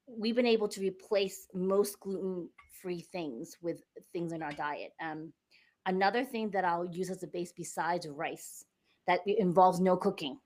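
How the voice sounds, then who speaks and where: Chatty middle-aged woman guest. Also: fairly low pitch. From United States. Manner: chatty, explains step by step with fillers. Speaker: podcast guest. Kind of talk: casual interview chat.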